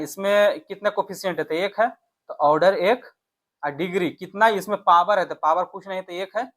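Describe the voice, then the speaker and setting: Teaching exam maths, a man whose voice is on the high side and fairly bright explains worked questions to viewers one step at a time, frequently tossing in short tag questions to make sure they keep up.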